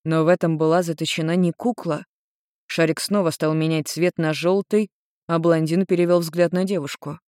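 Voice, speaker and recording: A man narrating an audiobook in an even, measured storytelling voice. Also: fairly high pitch, clear, resonant tone, no room sound, studio quality.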